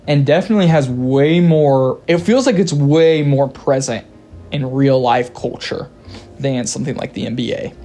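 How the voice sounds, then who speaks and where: A man's voice: on the high side, warm tone. A man giving opinionated video commentary in a candid, conversational way, swearing freely. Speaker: video reviewer. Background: faint background music.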